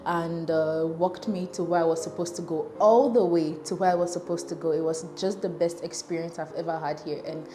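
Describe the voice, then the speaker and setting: A woman's voice: on the low side, steady tone, brisk, hardly any pauses, dark tone. A woman from Ghana, interviewed, telling a personal story with emphatic, storytelling delivery. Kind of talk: anecdote in an interview. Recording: echoey room with faint music.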